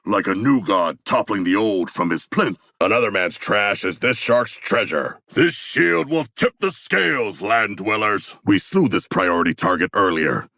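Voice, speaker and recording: King Shark, gravelly shark warrior. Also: fairly low pitch, bright, forceful tone, no room sound, studio quality, heavily acted. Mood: proud, measured. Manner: stilted, grandiose, formal diction. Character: hulking, proud, formal-spoken humanoid shark warrior, earnest and battle-hungry. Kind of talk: video game character dialogue.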